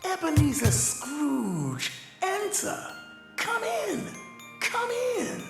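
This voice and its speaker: An actor playing the Ghost of Christmas Present, a jolly giant spirit who calls out heartily in an audio drama. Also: male voice, very high-pitched, wildly swooping pitch, extremely slow, vocal fry, music in the background, heavily acted. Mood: jovial. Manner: hearty, sweeping and exclamatory. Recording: echoey with reverb.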